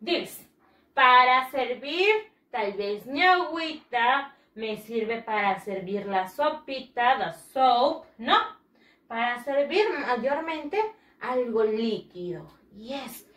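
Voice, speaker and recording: Woman, children's teacher; high voice, unhurried drill delivery, roomy recording. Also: expressive, fairly bright tone, recorded from a distance. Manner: slow, drawn-out pronunciation drills. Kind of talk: bilingual vocabulary lesson for children. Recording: echoey room.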